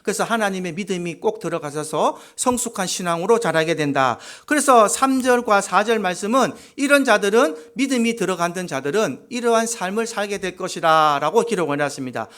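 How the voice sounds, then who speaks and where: Man, pastor, Gyeongsang accent; high and very expressive sermon delivery, acts out quoted spouses. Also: a little fast, few pauses. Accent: Gyeongsang Korean. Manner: animated preaching that acts out quoted couples.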